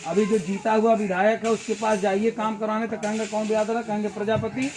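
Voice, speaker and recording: A man's voice: high-pitched, flat delivery, brisk, darkish tone, a little hiss or hum. A man giving an outdoor village meeting speech as a party organizer, full of rhetorical questions and folksy analogies.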